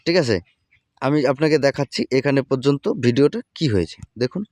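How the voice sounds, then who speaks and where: With a quick pace and a slightly mellow, mid-range voice, this man leads a relaxed app tutorial. He breaks it into steps and keeps checking in with viewers as he explains.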